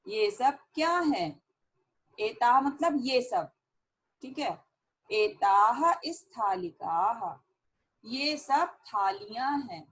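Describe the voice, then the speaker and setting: Slow, patient woman teacher. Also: fairly high pitch, a bit bright, low-quality recording. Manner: slow, repeats each sentence in Sanskrit then Hindi. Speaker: Sanskrit teacher. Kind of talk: classroom lesson explanation.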